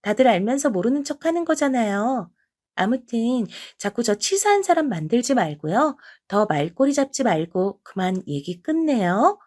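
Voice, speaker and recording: A snide, condescending sister-in-law, voiced by a woman for a story drama. Her bright, high voice swoops up and down as she sneers and belittles. Every line drips with sarcasm. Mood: smug. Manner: mocking, sarcastic, talks down. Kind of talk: audio drama acting.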